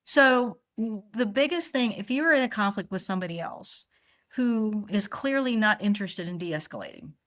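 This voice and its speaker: A woman's voice: mid-range voice, lively intonation, moderate pace, fairly bright tone. Middle-aged lady doctor on a podcast, talks it through, acts out little back-and-forths. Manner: explains with acted-out example dialogues. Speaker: physician and conflict analyst guest. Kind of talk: conversational podcast interview.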